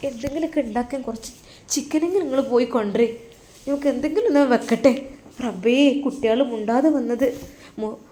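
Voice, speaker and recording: A woman's voice: fairly high pitch, quick pace, dark tone, lightly acted. A woman voicing a fretful, loving older village mother who fusses over her guests. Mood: fussing. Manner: anxious, fussing, pleading.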